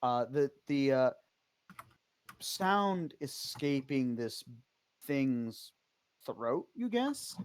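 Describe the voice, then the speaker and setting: A man narrating a tabletop game as game master, unhurried, with many ums and uhs. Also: mid-range voice, very animated, clear, resonant tone.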